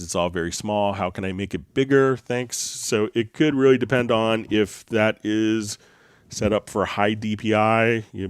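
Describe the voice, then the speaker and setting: A man with a deep, low magnetic voice and a slight cold, explaining software casually and haltingly as a livestream host. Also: clear, resonant tone, no echo, studio quality. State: getting over a slight cold. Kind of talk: casual tutorial livestream talk. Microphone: close microphone straight into mixer.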